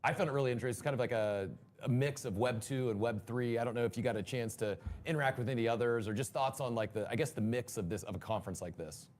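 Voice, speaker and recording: A man hosting a live interview show at a conference, asking questions quickly with energetic restarts. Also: medium pitch, a little hiss or hum. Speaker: podcast host.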